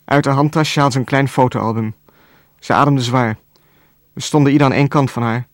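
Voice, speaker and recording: A man reading a novel aloud as narrator, in a calm, even storytelling voice with a dry wit. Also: mid-range voice, brisk, no room sound. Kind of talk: scripted audiobook narration.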